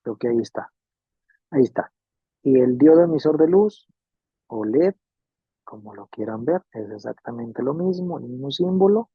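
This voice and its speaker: A man's voice: medium pitch, animated, moderate pace, pauses often, slightly rough, no echo. A man teaching a classroom lecture on electronics, patiently repeating points and checking that students follow. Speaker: refrigeration electronics instructor. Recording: tinny phone-like dry sound.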